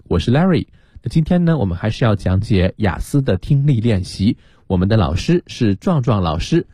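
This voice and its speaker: A man's voice: mid-range voice, dark tone, breathy edge, no room sound. A man hosting a radio lesson, friendly and chatty, cutting in with short reactions to the teacher. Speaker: radio host.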